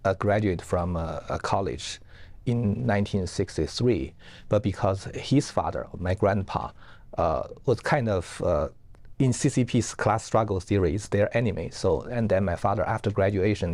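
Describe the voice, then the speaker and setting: A man from northeast China, a professor giving earnest, halting, explanatory answers as an interview guest. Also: low-pitched, a little mellow, no echo.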